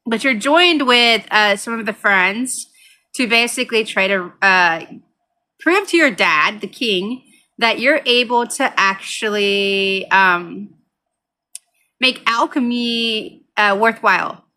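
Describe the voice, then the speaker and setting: A woman chatting casually on her gaming channel in a giggly, cutesy way, often drifting into baby talk. Her voice is bright and sharp, at an ordinary mid pitch. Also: slow. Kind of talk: casual unedited vlog chat.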